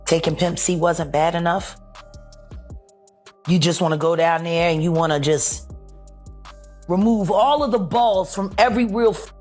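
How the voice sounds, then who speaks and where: A man's voice: on the high side, measured pace, long pauses, darkish tone, soft background music. A man on a profane, confrontational rant, accusing someone directly.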